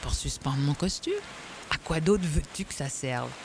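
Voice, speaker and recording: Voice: measured pace, noisy background, close to an everyday voice. A reader voicing a proud, stubborn old male tailor who is down on his luck, in an audiobook. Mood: matter-of-fact. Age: older. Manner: chatty, stubborn, lively pitch jumps. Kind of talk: audiobook reading.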